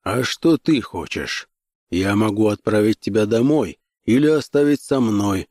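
A male audiobook reader voicing a gruff, hardened barbarian warrior who barks curt commands. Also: fairly low pitch, expressive, a little slow, a little mellow, no echo, clean studio sound. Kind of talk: audiobook character voice.

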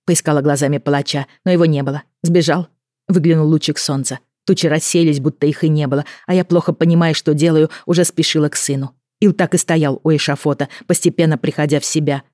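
A woman narrating a first-person fantasy audiobook with an expressive reading. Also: sits low, fast talker, no room sound, clean studio sound.

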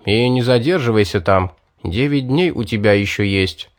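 A man doing a gruff squad leader. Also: on the low side, normal speed, natural voice.

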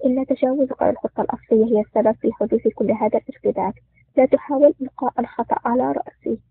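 A man's voice: extremely high pitch, steady tone, very fast, gravelly, husky, heavily acted. A man voicing an angry, stubborn young female lieutenant in a spoken story, insistent and indignant. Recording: tinny phone-like sound.

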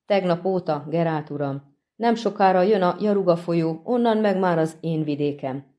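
A woman voicing a chatty, grateful middle-aged peasant man in an audiobook, talking in a folksy, animated way. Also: on the low side, lightly acted. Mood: earnest. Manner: folksy, animated, respectful to his master. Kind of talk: audiobook reading.

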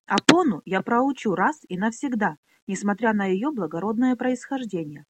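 A woman's voice: mid-range voice, animated, normal speed, slightly rough, dry recording. A woman voicing a proud, fierce young girl speaking defiantly. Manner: defiant, angry.

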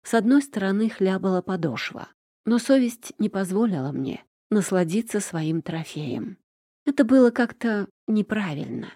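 A woman narrating a first-person audiobook in an even, measured storytelling manner. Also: mid-range voice, no echo, studio quality.

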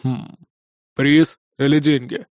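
A man voicing an old male gunsmith with a hoarse voice, who talks slowly and grumbles calmly. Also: mid-range voice, no echo, studio quality, voice pushed down, lightly acted. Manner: slow, unhurried and gently reproachful.

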